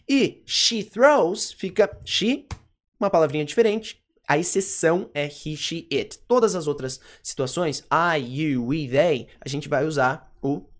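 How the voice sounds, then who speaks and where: Casual Brazilian English teacher. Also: mid-range voice. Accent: Brazilian Portuguese. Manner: slows down and repeats English example phrases; casual, chatty explaining with slang tags. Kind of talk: recorded language lesson.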